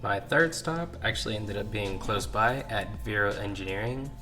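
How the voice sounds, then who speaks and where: This knife-hobby vlogger, his lowish voice still scratchy after being ill, chats through his new buys at the garage workbench. He takes his time, staying relaxed and unhurried with occasional "uh"s and "um"s, while quiet music plays in the background of the casual show-and-tell.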